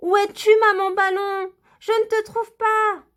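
A woman voicing a curious, eager little girl mouse in a storybook reading, with a high, excited voice. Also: normal speed. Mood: pleading.

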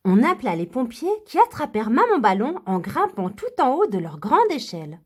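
A woman reading a children's story aloud in a gentle, animated storytelling manner. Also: high-pitched, normal speed, breathy edge.

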